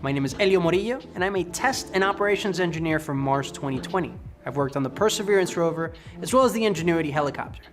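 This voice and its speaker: A man from Ecuador, a test and operations engineer, giving an upbeat, brisk scripted statement. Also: fairly high pitch, lively intonation, over music.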